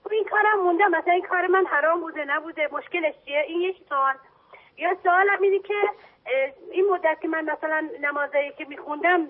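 A middle-aged woman from Kurdistan province, Iran, calling a radio show and asking her questions in a hesitant, halting way. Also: high-pitched. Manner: hesitant, halting, full of fillers. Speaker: caller. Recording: tinny phone line on radio.

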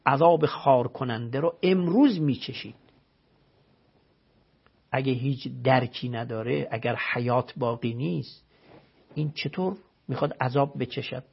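A man's voice: mid-range voice, gravelly, pauses often, slightly rough, muffled recording. A man, a religious scholar, giving an emphatic explanatory talk full of rhetorical questions and recited scripture, heard on a radio broadcast.

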